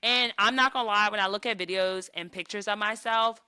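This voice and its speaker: A woman podcast co-host with a bright, forward voice and a slight lisp. She chats casually and playfully in loose slang, recorded close and dry. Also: medium pitch, brisk, smooth, dry recording.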